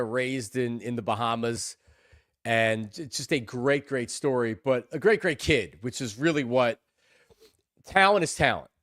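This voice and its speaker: A man hosting a sports talk show, excitable and rambling, often repeating his words. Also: mid-range voice, no room sound, clean studio sound.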